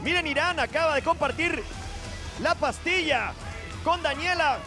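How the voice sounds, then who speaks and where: A man's voice: very high voice, unhurried. A man giving playful, exclamatory sports-style commentary on a game show competition. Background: music.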